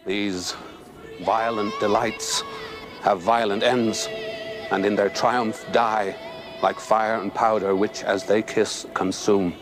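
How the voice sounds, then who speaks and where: An actor playing a solemn, wise older friar, delivering verse in a grave, measured way. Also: male voice, on the low side, fairly even intonation, over music. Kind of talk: Shakespeare film dialogue.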